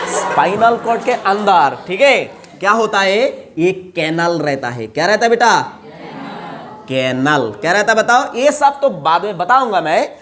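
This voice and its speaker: High-voiced man teaching biology. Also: fairly bright tone, slight background noise. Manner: quizzes students and answers his own questions, drawn-out emphasized terms; spells out terms letter by letter. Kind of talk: chalk-and-talk lesson with call-and-response questions.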